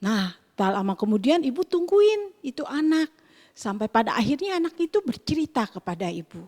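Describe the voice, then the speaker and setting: A woman teaching Sunday school, telling children a story in an animated way and asking them questions. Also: sits high, fairly quick, in a large hall.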